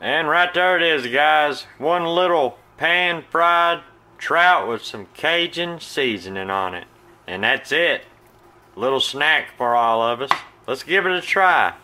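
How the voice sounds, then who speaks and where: In a fairly high voice at a slow pace, a Southern-accented man in his thirties hosts a cooking channel, casually cleaning and pan-frying a fish in his home kitchen. He stays folksy and relaxed, calls viewers "guys," and is recorded on a phone camera with slight background noise.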